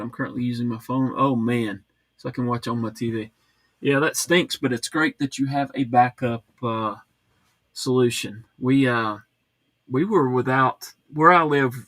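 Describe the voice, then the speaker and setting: A man hosts a casual livestream chat from home, reading viewer comments aloud. He rambles in a relaxed way, full of "uh"s and restarts, at an everyday mid pitch. The sound is close and dry, with no room echo.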